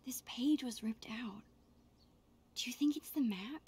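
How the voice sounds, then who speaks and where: An actress voicing a hushed, curious young girl in a video game, in whispered role-play with an unvoiced whisper. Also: a little high, a little slow, breathy edge.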